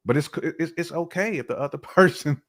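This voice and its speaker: Speaking quickly in a bright, higher voice, this podcast guest gives his opinions in loose, colloquial chat peppered with slang.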